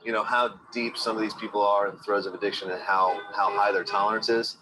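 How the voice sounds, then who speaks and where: A man's voice: on the low side, level tone, quick pace. A man talking casually and matter-of-factly as a local guide in a documentary interview. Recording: noticeable street or vehicle noise.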